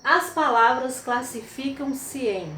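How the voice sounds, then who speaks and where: A woman teaching young children a language lesson, speaking patiently and stressing syllables loudly. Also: high voice, takes it slowly, slight background noise. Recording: echoey room, faint crickets.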